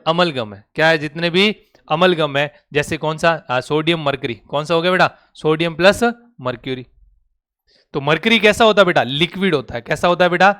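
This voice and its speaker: A man with a high-pitched voice teaching a class. He keeps quizzing his students with short, repeated questions. He nudges them along in a friendly, pressing way until they answer. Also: a bit bright. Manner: drills students with rapid questions; coaxing, calls students "beta". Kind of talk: classroom lecture.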